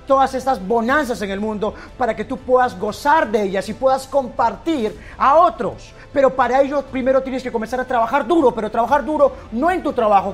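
A man giving an impassioned motivational speech, swinging between loud bursts and hushed, intense lines. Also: extremely high pitch. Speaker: motivational speaker.

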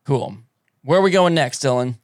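A man's voice: mid-range voice, animated, normal speed, no room sound, studio quality. A man hosting a podcast in casual chat, talkative and self-deprecating, laughing often as he goes. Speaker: radio board operator and podcast host.

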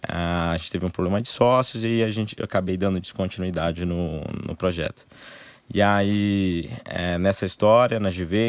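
A young adult man with a Brazilian Portuguese accent, a guest in a casual interview, explaining things in short, halting phrases. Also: deep voice, dry recording. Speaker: interview guest, angel investor group member.

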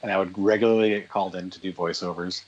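A man guest on an interview podcast, telling animated stories in casual chat and quoting people in their voices. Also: low voice, fast talker. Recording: dull lo-fi sound.

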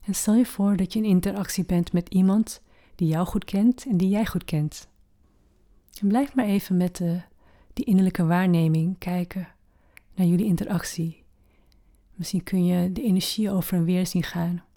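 A woman leading a guided meditation slowly and gently, with long pauses, in a soft voice that often turns to a breathy near-whisper. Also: lowish voice, steady tone.

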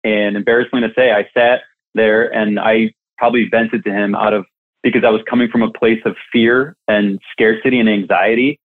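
A man's voice: on the low side, fairly even intonation, a little fast. A man who coaches staffing businesses, telling a candid, reflective story in an interview. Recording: tinny phone-like line.

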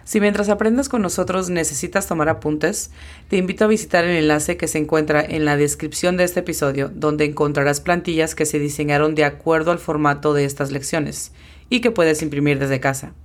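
A woman who hosts a podcast where she teaches English, giving slow and careful explanations and spelling out pronunciations. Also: deep voice, steady tone. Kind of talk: podcast language lesson.

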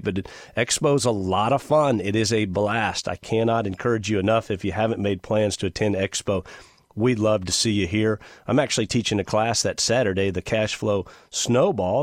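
A man's voice: on the low side, no echo, clean studio sound. A middle-aged man hosting a radio show, talking in an emphatic, conversational way with fillers. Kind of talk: talk radio monologue.

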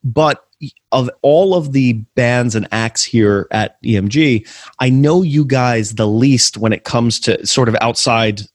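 A man's voice: medium pitch, a little slow, dry recording. Man, northeastern American accent, eager rambling interviewer, dry video-call sound. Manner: enthusiastic, rambling, self-deprecating. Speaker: interview host. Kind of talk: casual interview.

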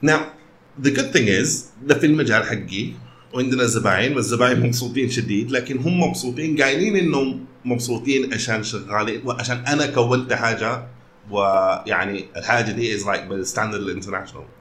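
A man's voice: mid-range voice, fast talker, fairly bright tone, slight background noise. A man with a Sudanese Arabic accent in casual conversation, switching often between Arabic and English. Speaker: company founder.

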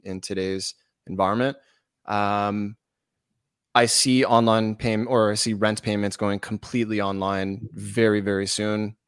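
A man's voice: on the low side, clear, resonant tone, dry recording, studio quality. A Canadian man from Montreal chatting as an interview guest, with a casual hockey-bro way of talking. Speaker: podcast guest, company representative. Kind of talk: conversational interview talk.

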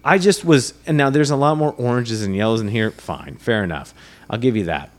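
A man hosting a casual podcast, chatting and reviewing a beer in a rambling, animated way. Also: medium pitch, a little fast. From United States. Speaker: podcast host.

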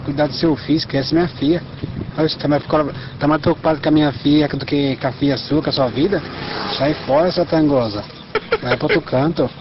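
A male caller with a fairly high voice who speaks bluntly and jokes. His voice message is dull in sound, with clear traffic noise around him. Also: fairly even intonation, brisk. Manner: blunt, jokey.

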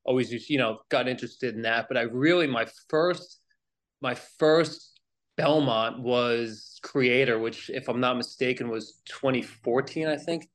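A man's voice: mid-range voice, unhurried. A man from Long Island with a New York accent, a podcast guest chatting casually in a rambling, self-deprecating way.

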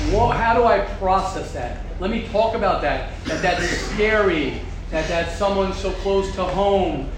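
High-voiced rabbi teaching a class. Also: male voice. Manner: repetitive, rhetorical questions, Yiddish-Hebrew terms. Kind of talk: Torah class talk. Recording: echoey room with background noise.

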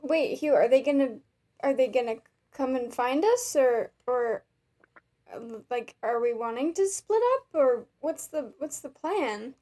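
A woman's voice: high voice, expressive, unhurried, mellow. A woman playing a tabletop game, chatting casually, hesitant and giggly, with slight noise on her recording. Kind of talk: casual chat during a role-playing game.

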